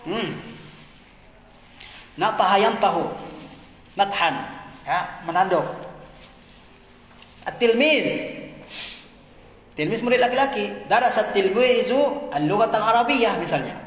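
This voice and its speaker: High-voiced male Arabic teacher in echoey hall. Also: lively intonation, slow pace, long pauses, fairly bright tone. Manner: patient, explains word by word, light chuckles. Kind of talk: classroom grammar lesson. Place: classroom. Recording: echoey room with long reverb.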